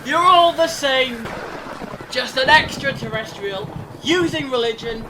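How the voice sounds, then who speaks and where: Man as very high-pitched, sardonic Doctor. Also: measured pace. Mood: mocking, defiant. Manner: sardonic, taunting, theatrical. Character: defiant, mocking male time-travelling alien hero. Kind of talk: fan audio drama acting. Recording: noisy rumbling ambience.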